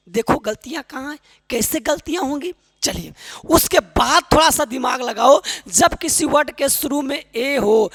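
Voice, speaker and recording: Woman, fairly high voice, English pronunciation teacher, repeats questions to the class, encouraging, long echoing reverb. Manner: keeps quizzing listeners with repeated questions; affectionate, encouraging teacher talk. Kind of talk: online class lecture.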